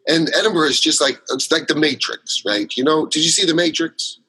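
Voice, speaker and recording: A male guest chats casually in an interview about his solo theater work, spinning long, rambling stories packed with fillers and restarts. His voice is a little high, a little fast, pushed, bright and husky, and the recording is rough.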